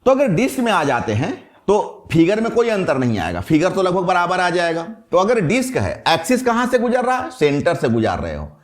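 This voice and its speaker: A man teaching a physics class, asking questions and answering them himself in a lively classroom lecture. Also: high-pitched, normal speed, hardly any pauses.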